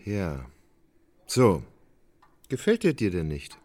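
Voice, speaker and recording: An actor playing an idle, gentle landowner who speaks in a slow, measured way and flares into anger, in a radio drama. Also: male voice, deep voice, huge pitch swings, heavily acted. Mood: weary. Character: idle gentle landowner roused to anger, middle-aged man.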